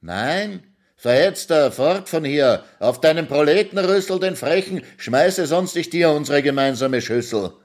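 A man reading a ballad aloud and voicing a greedy, domineering master who scolds his hungry servant in shrill outbursts. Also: a little slow, natural voice. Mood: furious. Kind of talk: dramatic poem reading.

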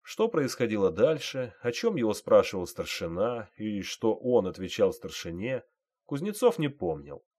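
A man reading a dramatic audiobook as narrator, in an expressive way. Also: on the low side, normal speed. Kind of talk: scripted narration.

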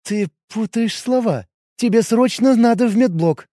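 A man's voice: sits high, normal speed, mellow, no echo, clean studio sound, pitched above the performer's own voice. A man voicing a frightened young woman in an audiobook, anxious and near tears. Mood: alarmed. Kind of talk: audiobook character voice.

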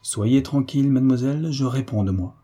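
A man voicing a courteous young officer who teases gently at a ball. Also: mid-range voice, fairly quick, slightly rough, pitched above the performer's own voice, lightly acted. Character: young male officer, polite and teasing.

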